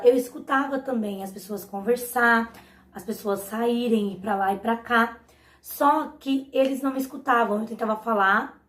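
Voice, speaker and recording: Young brazilian woman telling her testimony, earnest, talks to viewers a lot, kinda high voice, echoey room. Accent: Brazilian Portuguese. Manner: earnest, often turns to the audience. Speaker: mother giving a faith testimony. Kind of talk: personal storytelling to viewers.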